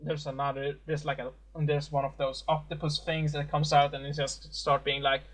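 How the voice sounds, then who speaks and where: A man narrating as game master in a casual tabletop session, speaking haltingly with many fillers and restarts. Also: fairly high pitch, little pitch movement.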